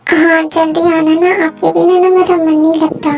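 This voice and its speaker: A woman's voice: very high voice, little pitch movement, moderate pace, music in the background. A woman doing a scolding, jealous mother. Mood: fussy chatty. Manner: scolding, sarcastic, complaining. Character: middle-aged mother, fussy, scolding and jealous. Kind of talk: Hindi fan audio drama.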